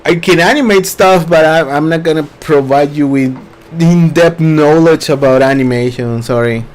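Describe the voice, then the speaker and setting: A man's voice: fairly high pitch, moderate pace. A man hosting a casual live webinar, reading viewer questions aloud and answering them loosely with many fillers. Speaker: webinar host.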